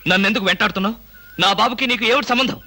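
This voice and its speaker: A man's voice: sits high, rapid-fire, pushed and bright, slight background noise, exaggerated voice. A tense, hounded man. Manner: tense, defensive. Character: nervous man hounded by a blackmailer. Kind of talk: film thriller dialogue.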